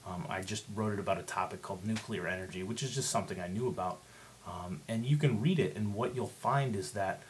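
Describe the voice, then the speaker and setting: A man's voice: fairly low pitch, a little hiss or hum. A male teacher giving a casual, step-by-step writing lesson that leans on rhetorical questions. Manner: conversational, explanatory, asks rhetorical questions. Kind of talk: instructional screencast lesson.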